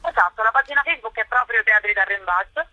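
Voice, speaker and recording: On a live radio phone interview, a festival curator and performer explains the festival programme in a chatty, promotional way. Her fairly high voice is expressive, fast and sharp. The dry telephone audio sounds tinny, with no room to it.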